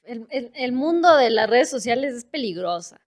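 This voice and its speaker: Woman, Ecuadorian accent, interview guest, earnest, high voice. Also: moderate pace. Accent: Ecuadorian Spanish. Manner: earnest, animated, repeats words. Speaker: guest, director and screenwriter. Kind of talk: casual interview chat.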